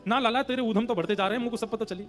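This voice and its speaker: A man's voice: very high voice, racing, soft background music. A man voicing a protective, doting village mother in a Braj accent, questioning and scolding.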